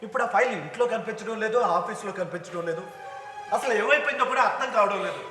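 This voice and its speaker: A man's voice: high voice, animated, racing. A man playing an honest, exasperated husband in a stage play, scolding and agitated. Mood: worried. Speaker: stage actor. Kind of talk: stage drama acting. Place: stage in a hall. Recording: echoey hall recording with music.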